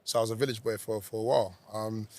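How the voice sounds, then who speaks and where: A man's voice: on the low side, steady tone, fast, a little mellow, no echo. A young man from Zambia, a guest in a casual interview who laughs often and talks freely.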